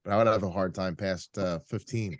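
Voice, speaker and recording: A congested, tired man hosting a casual podcast chat. He rambles with lots of fillers and clears his throat often. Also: deep voice, fairly even intonation, fairly quick, dry recording, clean studio sound. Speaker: podcast host.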